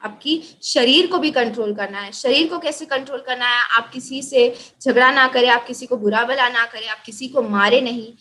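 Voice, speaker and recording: A woman hosts an online gathering and explains each point fluently in a higher voice. Her tone is bright and crisp. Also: moderate pace, few pauses. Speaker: host and interpreter. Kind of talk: hosting and translating a virtual gathering. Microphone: video call.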